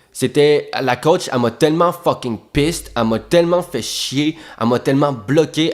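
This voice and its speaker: Animated young Québécois man ranting. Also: mid-range voice. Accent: Québécois French. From Quebec. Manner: animated, profane, repeats words for emphasis. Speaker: actor telling anecdotes. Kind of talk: casual storytelling monologue.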